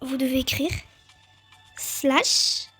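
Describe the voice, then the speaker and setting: A woman giving chatty, excitable let's-play commentary on a game, talking straight to her viewers. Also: high-pitched, drawn-out words, slightly rough, faint music behind. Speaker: gaming video creator.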